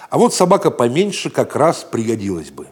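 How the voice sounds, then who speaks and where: A man reading a children's story aloud in a gentle, playful storytelling manner, raising his voice for the shouted lines. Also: medium pitch, wildly swooping pitch, a little fast, breathy edge. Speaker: narrator.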